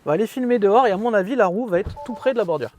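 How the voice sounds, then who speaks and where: A man's voice: sits high, expressive, racing, a little mellow. A man hosting a casual car walkthrough from inside his parked car, chatty and fond of self-mocking jokes. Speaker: car video host.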